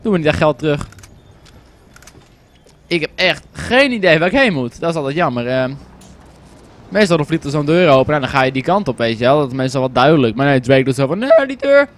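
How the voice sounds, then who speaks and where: A young man giving casual, joking let's play commentary, excitable and quick to swear and shout at the game. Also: on the high side. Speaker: gaming commentator.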